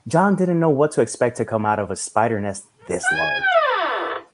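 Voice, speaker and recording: A man reading a story aloud in a measured storytelling manner. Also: on the high side, huge pitch swings, background noise. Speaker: reader.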